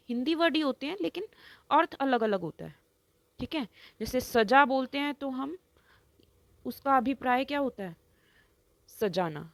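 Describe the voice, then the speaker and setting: A woman teaches Hindi grammar in an online lesson, taking her time and saying every example word slowly and distinctly. Her voice sits fairly high. The recording is close and dry, with no room sound. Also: no echo. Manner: slow, explains step by step, keeps asking "ठीक है".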